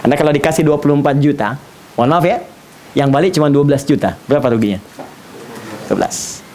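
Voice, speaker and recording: A man preaching an animated sermon lecture, using playful asides for the audience. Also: a little high, quick pace. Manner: animated, playful imitations of foreign speakers. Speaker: Islamic preacher. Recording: faint hiss.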